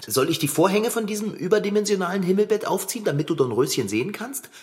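A man's voice: high-pitched, animated, quick pace, darkish tone. Man playing a grumbling bike mechanic. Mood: reluctant. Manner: grumbling, hesitant, easily flustered. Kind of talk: children's radio play acting.

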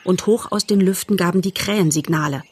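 A woman reading a storybook aloud as narrator, calm and measured. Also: lowish voice, noisy background. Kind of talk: audiobook narration.

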